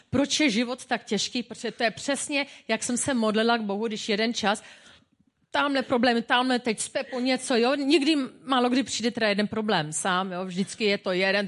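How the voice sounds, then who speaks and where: A woman pastor giving a sermon in a personal, humorous, conversational way. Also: fairly high pitch.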